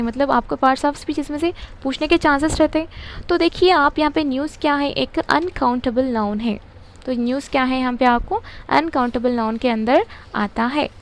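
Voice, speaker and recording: A woman teaching an English textbook lesson, reading the English lines slowly and explaining each one. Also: high-pitched. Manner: mixes Hindi and English, reads English lines slowly then explains.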